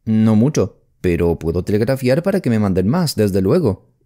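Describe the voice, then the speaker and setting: A man's voice: on the low side, sing-song, normal speed, warm tone. Man voicing a nervous young English politician. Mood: hopeful. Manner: anxious, pleading. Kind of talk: audiobook character voice.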